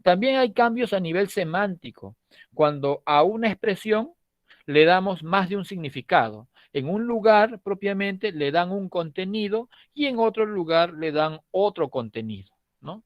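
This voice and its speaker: A man's voice: high voice, animated, unhurried, no room sound, lo-fi sound. A middle-aged man from Lima with a Peruvian accent, teaching a language class in a chatty, joking way and often ending lines with a questioning tag. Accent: Peruvian Spanish (Lima). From Lima, Peru. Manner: conversational, tags lines with "¿no?", jokes with students. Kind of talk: lecturing to a prep-course class.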